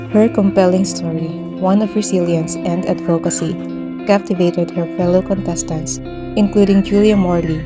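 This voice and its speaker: A woman reading scripted narration in a smooth, even way. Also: on the low side, moderate pace. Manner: smooth, evenly read. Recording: loud music bed under voice.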